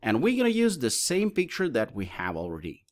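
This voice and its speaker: Man, tutorial presenter, lively up-and-down delivery, listing options step by step, mid-pitched voice. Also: a little fast. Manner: lists options step by step, explaining as he clicks. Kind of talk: screen-recorded tutorial walkthrough.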